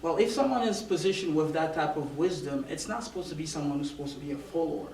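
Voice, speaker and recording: Soft-spoken hesitant male guest. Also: fairly high pitch, fast talker. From born in Romania, raised in Africa. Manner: hesitant, repeats words while thinking. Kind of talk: casual interview chat. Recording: roomy, distant mic, faint noise.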